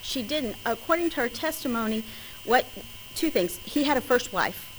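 A woman lawyer with a West Texas twang argues a case to a judge, emphatically and deliberately stressing key words. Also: a little high, lively intonation, rough recording. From West Texas, United States. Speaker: lawyer arguing before a judge. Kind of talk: courtroom legal argument. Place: courtroom.

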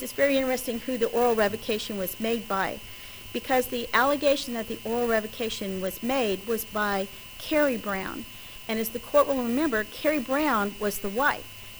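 A woman lawyer with a West Texas twang argues a case to a judge, emphatically and deliberately stressing key words. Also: on the high side, slight background noise, rough recording. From West Texas, United States. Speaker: lawyer arguing before a judge. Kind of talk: courtroom legal argument. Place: courtroom.

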